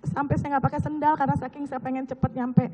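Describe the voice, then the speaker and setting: A hoarse woman giving earnest, step-by-step testimony as a witness in a courtroom. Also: high-pitched, flat delivery, quick pace, over a noisy crowd. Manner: earnest, recounting events step by step with gestures. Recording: echoey hall, muffled lo-fi sound.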